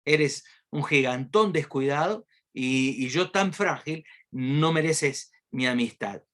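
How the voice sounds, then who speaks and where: A man's voice: lively intonation, takes it slowly, a bit bright. A man voicing a tiny, fragile female ant who angrily scolds and refuses to forgive. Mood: angry scolding. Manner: shrill and scolding.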